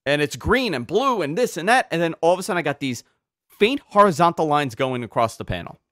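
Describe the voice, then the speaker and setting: A man hosting a podcast, telling stories in an animated way and repeating words when he gets excited. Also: a little high, brisk, no room sound, studio quality. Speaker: podcast host. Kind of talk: casual podcast chat.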